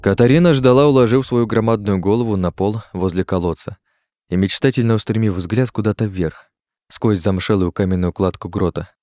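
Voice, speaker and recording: A man narrating an audiobook in a steady, measured way. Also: lowish voice, no room sound, clean studio sound.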